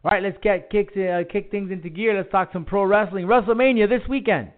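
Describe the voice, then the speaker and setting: A male podcast host speaks in an emphatic announcer style, with a fairly high voice. He sounds tinny, as if recorded down a telephone line. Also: steady tone, brisk, a little hiss or hum. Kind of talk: upbeat wrestling and music show hosting. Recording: tinny phone-line internet radio audio.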